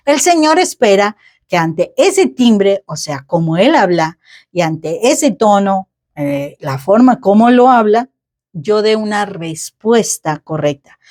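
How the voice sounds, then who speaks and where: A woman's voice: mid-range voice, darkish tone. Woman preaching in a chatty way. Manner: conversational, asks the listener for agreement, with many rhetorical questions. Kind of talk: informal sermon.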